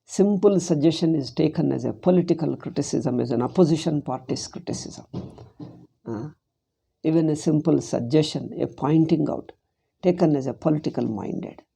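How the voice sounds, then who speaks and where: A man with a South Indian accent teaches in an informal spiritual lecture. His voice is very dark and muted, with a creaky grain. He makes his points emphatically, repeating phrases and posing rhetorical questions. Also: a little high, normal speed. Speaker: Vedanta teacher.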